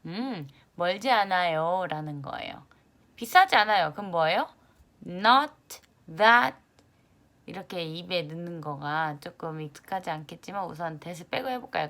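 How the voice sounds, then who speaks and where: Young woman teacher, lively and animated, stresses the English words, voice a bit low. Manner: lively, stresses English words loudly, acts out students' reactions. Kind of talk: online lesson.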